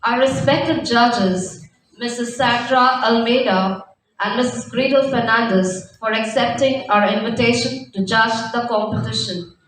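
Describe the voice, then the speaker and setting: Higher-voiced woman in a very echoey hall. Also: measured pace, fairly bright tone. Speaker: teacher giving a vote of thanks. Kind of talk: formal scripted speech. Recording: very echoey hall, distant, faint noise.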